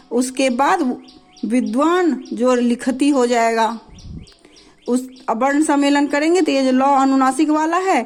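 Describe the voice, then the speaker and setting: A woman with a high voice teaches a grammar class. She explains slowly and patiently, walking through one example after another and often stopping to ask whether the students are following. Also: darkish tone. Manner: patient, repeats "है ना" to check understanding.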